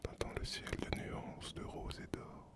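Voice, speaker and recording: A performer voicing a solitary male sea captain and former pirate in a whispered role-play, breathy and unvoiced, telling the tale slowly and poetically to the listener. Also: lightly acted. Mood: wistful, serene. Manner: slow, poetic storytelling addressed to the listener.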